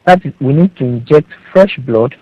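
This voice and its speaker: A man's voice: medium pitch, expressive, normal speed. Man on a glitchy phone line. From Nigeria. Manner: formal, earnest, praising the hosts. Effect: buzzy, glitchy phone line that breaks up. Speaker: caller. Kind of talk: call-in comment on a radio talk show. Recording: tinny phone call, dry and dull.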